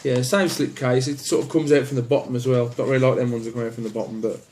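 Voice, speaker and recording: A man's voice: medium pitch, fairly even intonation, quick pace, darkish tone, a little hiss or hum. A man casually walking through his horror film collection, rambling with many ums and restarts. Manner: easygoing, plainspoken opinions.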